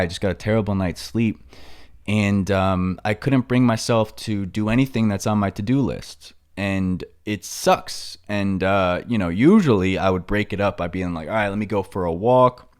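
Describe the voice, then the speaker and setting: A man's voice: fairly low pitch, dry recording, studio quality. A young man hosting his own podcast, talking in a laid-back, rambling way full of slang and fillers, sounding tired. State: tired and briefly out of breath. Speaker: podcast host. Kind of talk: casual solo podcast talk. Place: home in Los Angeles.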